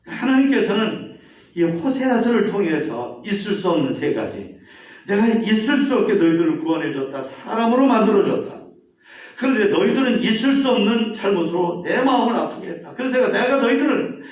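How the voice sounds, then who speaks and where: A male pastor giving a sermon. He tells stories in a lively way and puts questions to the congregation. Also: high voice, moderate pace. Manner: animated storytelling, asks the congregation questions. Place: church sanctuary. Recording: echoey church hall, mic at a distance.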